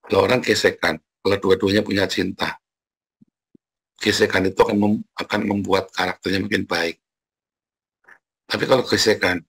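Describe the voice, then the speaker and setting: Pastor guy, husky low voice, chatty sermon, keeps laughing and acting out scoldings. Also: a bit bright.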